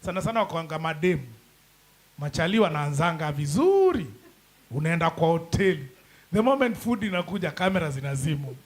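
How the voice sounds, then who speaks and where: High-voiced Kenyan man, joking panelist. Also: big pitch swings, brisk. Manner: chatty, joking, mixes English with Swahili slang. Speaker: forum panelist. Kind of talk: casual panel talk.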